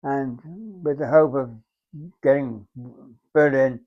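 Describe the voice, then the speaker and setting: A very old man of about a hundred with an English accent, recalling his service as a veteran in a halting, reflective, unhurried way. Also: mid-range voice, fairly even intonation. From England. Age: very old, around 100. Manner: very old man's halting, reflective delivery with repeated phrases. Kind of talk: unhurried oral-history reminiscence. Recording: dull, muffled lo-fi sound.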